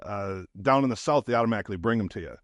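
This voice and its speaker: A man's voice: lowish voice, lively intonation, rapid-fire, no room sound, studio quality. A man from the Midwest, a real estate investor, chatting casually as a podcast guest in a folksy, storytelling way. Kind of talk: casual interview chat.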